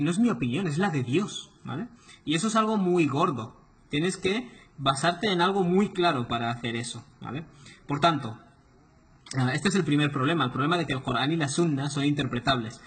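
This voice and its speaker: A man with a voice on the high side and a fairly bright tone gives an explanatory religious lecture as an Islamic lecturer, with slight background noise. He explains points patiently and didactically, often checking in with listeners by asking "¿vale?".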